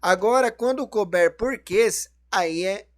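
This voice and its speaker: A man's voice: high voice, slow pace, dry recording. A man teaching a grammar lesson, explaining each rule and then asking and answering his own questions.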